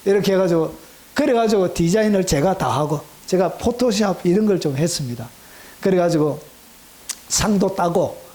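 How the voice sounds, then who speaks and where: Male pastor, middle-aged, high-pitched, animated sermon delivery with sudden hushed asides. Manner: animated, swings between loud exclamations and hushed asides.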